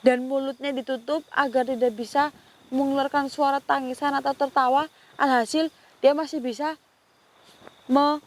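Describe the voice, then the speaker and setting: A woman's voice: high voice, fairly even intonation, moderate pace, pauses often. A woman narrating a paranormal investigation on location, talking earnestly to a companion and often stopping to pray or exclaim in alarm. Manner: frequently addresses a companion directly. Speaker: ghost-hunting vlogger.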